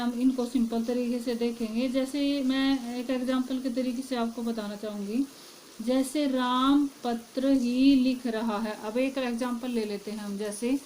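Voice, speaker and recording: A woman's voice: on the high side, dark tone, slight background noise, rough recording. A woman teaching a Hindi grammar lesson, asking her class questions and then answering them herself.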